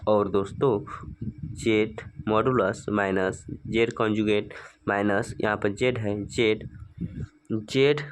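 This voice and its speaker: A man teaching a maths lesson, slowly working through a problem step by step and asking himself rhetorical questions. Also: lowish voice, a little hiss or hum. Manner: asks rhetorical questions and answers them; slow, stepwise working-through.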